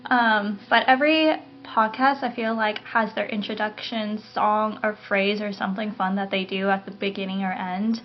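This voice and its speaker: A woman co-hosting a casual podcast, talking in a relaxed, chatty way with many fillers. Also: medium pitch, normal speed, few pauses, lo-fi sound, a little hiss or hum. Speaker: podcast co-host, garden operations manager. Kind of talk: casual chat.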